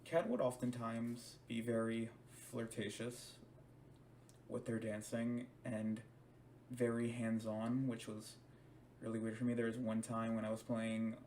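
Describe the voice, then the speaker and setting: A man's voice: mid-range voice, flat delivery, measured pace, darkish tone, far from the mic, slight background noise. A young man telling a personal story to the camera, hesitant, with frequent restarts and repeated words. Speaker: DJ and stage performer. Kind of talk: personal account told to camera.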